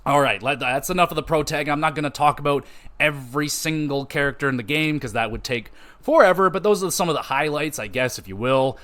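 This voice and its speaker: A man's voice: on the high side, fairly quick, fairly bright tone. A man hosting a podcast, giving a loose, profane, casual game review with plenty of fillers and restarts.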